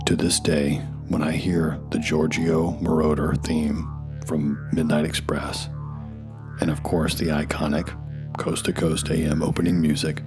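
Very deep-voiced man narrating wryly. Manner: wry, self-deprecating asides. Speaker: YouTube narrator. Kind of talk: scripted documentary narration. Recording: faint music behind voice. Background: faint music.

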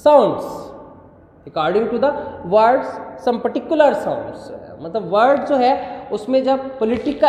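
A woman from Pakistan, teaching a grammar lesson online. She explains step by step, asks the class questions, answers them herself, and reads the English examples slowly and carefully. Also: a little high, dark tone. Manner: slow, careful reading of English example sentences. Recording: echoey room with long reverb.

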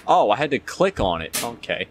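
A man's voice: mid-range voice, big pitch swings, moderate pace, a little hiss or hum. A young man commenting casually on a horror game as a scared streamer, jittery and slangy, muttering to himself. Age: young adult.

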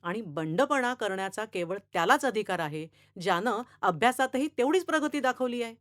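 A woman voicing a stern, irritable male schoolteacher who scolds and lectures loudly in a read-aloud story. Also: fairly high pitch, expressive, moderate pace, dry recording, clean studio sound. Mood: lecturing. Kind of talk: storytelling reading.

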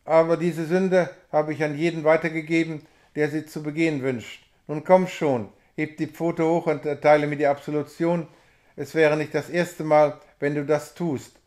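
A man voicing a menacing, mocking male devil who croaks his taunts loudly in a read-aloud story. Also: a little high, level tone, moderate pace, close to an everyday voice. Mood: wheedling. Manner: loud, mocking and hoarsely croaking.

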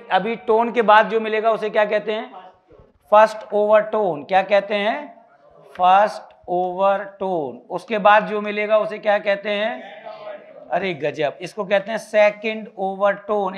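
Man, physics teacher, high voice, quizzing, playful asides, lapel mic, classroom. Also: steady tone, unhurried, muffled recording. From India. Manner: quizzing students with repeated questions, mixing English terms; bantering, teasing asides. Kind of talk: classroom lecture.

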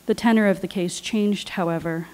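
A woman on a panel, reading her own personal essay aloud in a measured, deliberate way. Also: medium pitch, steady tone, darkish tone, rough recording. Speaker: writer and panelist.

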